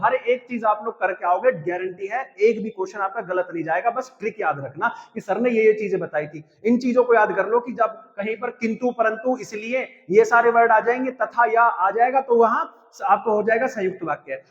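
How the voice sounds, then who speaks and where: Young guy hindi teacher, very high voice, pushy exam-prep lesson, dull lo-fi sound with long reverb. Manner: pushy, coaxing, repeats "है ना" and "भाई साहब".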